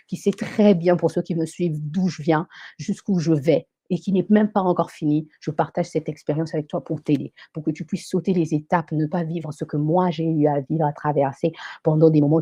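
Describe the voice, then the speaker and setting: Motivational woman host, mellow and dry. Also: low-pitched, dry recording. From Africa. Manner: emphatic, repetitive, motivational, mixes in English phrases. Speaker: live show host and coach. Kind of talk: live stream monologue. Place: France.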